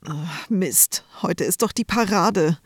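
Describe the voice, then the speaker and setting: A woman voicing a schoolboy who is hasty and easily annoyed, talking in a hurried, exasperated way in a storybook reading. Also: on the low side, breathy edge, no room sound, studio quality. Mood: sleepy.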